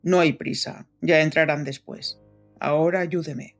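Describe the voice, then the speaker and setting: A woman reading the lines of a calm male police superintendent in a steady, soothing way. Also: deep voice, measured pace, faint music behind.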